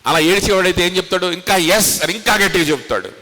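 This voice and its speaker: A man's voice: sits high, animated, rapid-fire, bright, forceful tone, in a large hall. A man preaching a sermon as pastor, asking rhetorical questions and acting out the voices he quotes. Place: church hall.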